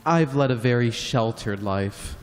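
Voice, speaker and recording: A man's voice: medium pitch, measured pace, lightly acted. A man playing a haughty, sarcastic passenger in a radio play, with a dry, pompous manner. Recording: long hall reverb.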